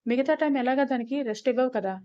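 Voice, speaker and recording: A woman voicing a gruff young rowdy. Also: high voice, very fast, warm tone, no room sound, muffled recording, close to an everyday voice. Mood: firm.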